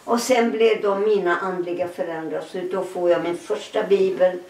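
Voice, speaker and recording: Middle-aged woman, interview testimony, lively storyteller, roomy, distant mic. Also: fairly low pitch. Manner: animated storytelling, acting out quoted dialogue with laughter.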